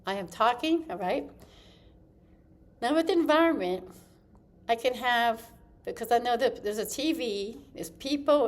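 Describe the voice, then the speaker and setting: A woman giving a casual acting lesson to camera, chatty and loose, often restarting her sentences as she demonstrates. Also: medium pitch. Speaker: acting teacher.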